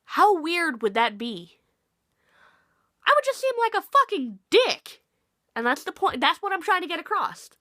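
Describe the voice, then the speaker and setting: A woman's voice: very high-pitched, big pitch swings, a little slow, pauses often, pushed and bright, no room sound, studio quality. A woman vlogger with a cold, ranting casually and sarcastically, swearing freely. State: has a cold, sniffly. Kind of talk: casual rambling rant.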